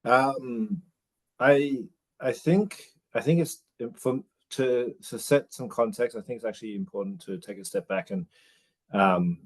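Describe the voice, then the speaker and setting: An Australian man in his forties, a new father, speaks in an unhurried, medium-pitched voice. As a guest in a casual interview he talks through his thoughts hesitantly, full of restarts and fillers.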